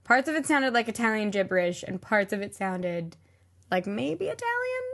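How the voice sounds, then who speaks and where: A woman's voice: mid-range voice, very animated, normal speed, a bit bright. Chatty rambling woman podcast host. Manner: rambling, lots of fillers and laughs. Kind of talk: casual chat.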